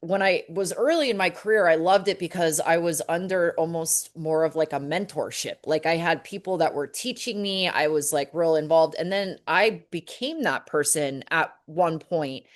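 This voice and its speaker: A woman hosting a podcast interview, speaking casually and haltingly with many restarts. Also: deep voice. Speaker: podcast host.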